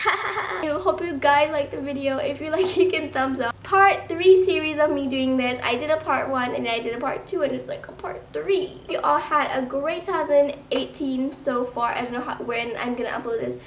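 A woman's voice: high voice, moderate pace, few pauses, distant mic, a little hiss or hum. A young woman chatting casually in a vlog, sarcastic and mock-offended as she calls out trolls. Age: young adult. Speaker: YouTuber reacting to hate comments. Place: bedroom, indoors. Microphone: camera mic at a distance. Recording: roomy, off-mic, music behind.

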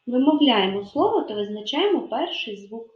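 A woman kindergarten teacher with a Ukrainian accent teaching young children letter sounds, enunciating slowly and clearly sound by sound. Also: fairly high pitch, sing-song. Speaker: preschool teacher. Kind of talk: literacy lesson for young children. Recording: echoey room, dull lo-fi sound.

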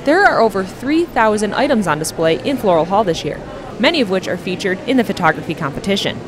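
A woman's voice: mid-range voice, very animated, fast talker, crowd noise. A woman reporter reading a scripted news voice-over in an upbeat way.

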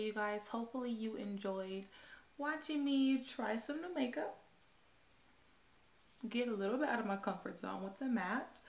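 A woman's voice: a little high, reverberant. A woman beauty vlogger talking casually and upbeat to her viewers, with lots of fillers. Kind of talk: casual direct-to-camera chat.

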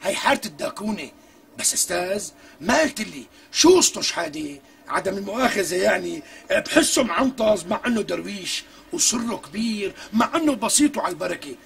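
An actor with a Syrian accent playing a chatty, courteous neighborhood shopkeeper who loves to gossip in a TV comedy. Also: male voice, high voice, animated, brisk, creaky, a bit bright, slight background noise, heavily acted. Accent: Syrian Arabic. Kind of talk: TV comedy acting.

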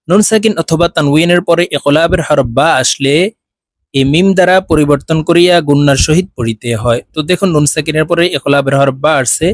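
A man with a Bangladeshi accent teaching Quran reading, slowly spelling out syllables and drawing out each sound. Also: on the high side, no room sound. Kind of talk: slow spelled-out recitation lesson.

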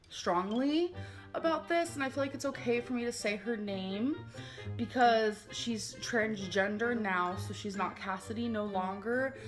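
A woman talking casually on a livestream, rambling and leaning on the word "like". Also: medium pitch. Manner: rambling, heavy use of filler "like".

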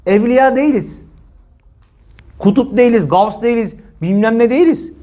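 Male preacher, high voice, scolding and emphatic, religious talk. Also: normal speed, mellow. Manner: scolding, emphatic, rhetorical questions.

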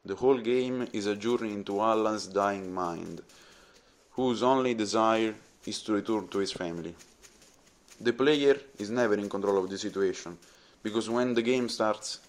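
A teenage man with an Italian accent, narrating a voice-over about making his game in an earnest, explanatory way. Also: fairly low pitch. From Italy. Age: teens. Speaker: game developer.

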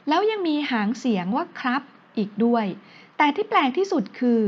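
A woman reading a romance audio novel aloud with a steady storytelling delivery. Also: high-pitched, a little fast, dull audio. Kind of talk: scripted narration of a romance novel.

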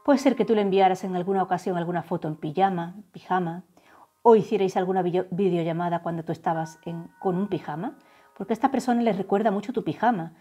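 A woman from gives a tarot reading to camera. Her voice is mellow and breathy, and she draws out the channeled phrases slowly and softly over faint background music. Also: fairly low pitch. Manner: slow, soft, drawn-out channeled phrases. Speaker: tarot reader.

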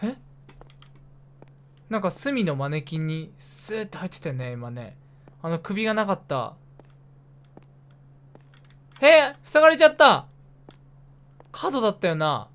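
A man's voice: high voice, big pitch swings, fairly bright tone, clear, resonant tone. A man streaming a horror game, chatting to himself and yelping with sudden, repeated startled exclamations. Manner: jumpy, easily startled, yelps and rapid repeated exclamations; chatty self-talk narrating his moves. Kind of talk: casual horror game commentary.

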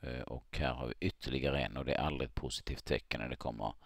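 A man walking through stock charts in a halting screen-recorded analysis, with many fillers as he thinks aloud. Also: extremely low pitch, steady tone, gravelly, dry recording, clean studio sound. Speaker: market analyst.

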